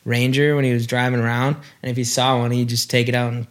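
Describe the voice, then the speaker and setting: A man's voice: mid-range voice, flat delivery, fast. A man, chatting in an informal, slangy way as an eager co-host. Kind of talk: casual chat.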